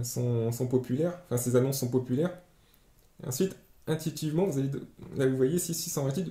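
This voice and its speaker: A man giving a screen-share tutorial as an online sales trainer, explaining step by step and pausing often on fillers. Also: medium pitch, dark tone. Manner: explanatory, hesitant with many fillers. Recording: roomy echo.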